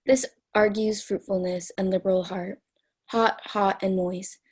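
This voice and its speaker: A young woman, a student actor, playing a jealous and suspicious male general in an amateur Shakespeare scene, speaking in a measured, subdued way. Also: medium pitch, little pitch movement, darkish tone, husky. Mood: probing.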